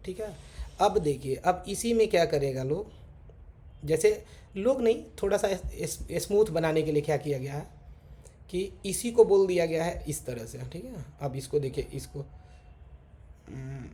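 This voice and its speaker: Trading teacher, mellow voice. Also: male voice, a little high. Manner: repeats "theek hai" constantly, talks while drawing on charts. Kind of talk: casual screen-share chart lesson. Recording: faint background noise.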